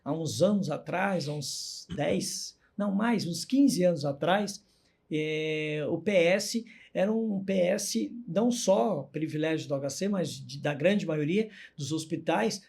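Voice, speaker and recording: A man's voice: fairly high pitch, takes it slowly, vocal fry, a little mellow, slightly rough. A man telling a story as a podcast guest, a hospital clown who acts out the people in his stories.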